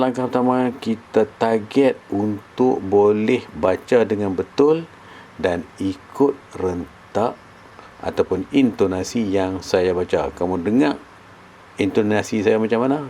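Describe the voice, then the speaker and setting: A man with a low voice and a Malaysian Malay accent leads a religious studies lesson at an unhurried pace. He explains terms patiently, then chants Arabic lines for the class to copy. Faint background noise sits under the recording. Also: mellow.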